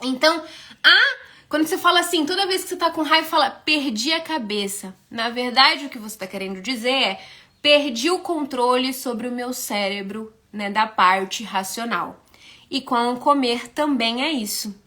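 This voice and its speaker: High, bright Brazilian woman explaining. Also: normal speed. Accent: Brazilian Portuguese. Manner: explanatory, asks herself rhetorical questions, frequent tag questions. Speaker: host explaining compulsive eating. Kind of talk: live explanatory talk. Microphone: phone on a social media live stream.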